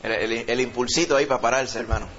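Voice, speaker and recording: A male pastor with a Puerto Rican accent who leads a sermon, reads scripture slowly with rising emphasis, and prays fervently, repeating "Señor" and "Padre". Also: medium pitch, fairly bright tone, highs cut off. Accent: Puerto Rican Spanish. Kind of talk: sermon with scripture reading and prayer.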